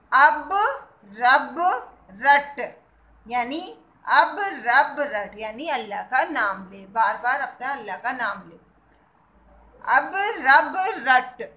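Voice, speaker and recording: Patient woman teacher; high-pitched, slow and deliberate, walks children through letters. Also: pushed and bright. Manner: slow, patient, spells out letters and asks questions. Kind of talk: kindergarten Urdu writing lesson.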